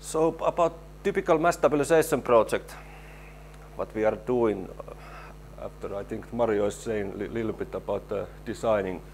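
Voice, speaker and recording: A man giving a technical conference presentation, halting and repeating words as he explains his slides. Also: on the low side, a little mellow, a little hiss or hum. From Finland. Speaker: presenter, stabilization engineer.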